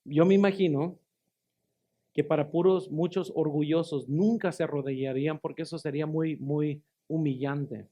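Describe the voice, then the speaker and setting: A male pastor preaches a testimony sermon, with a voice pitched a little above the usual man's. He tells his story with emphasis, calls his listeners brothers, and doubles back on phrases to stress them. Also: steady tone, moderate pace, warm tone. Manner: repeats and restarts phrases for emphasis.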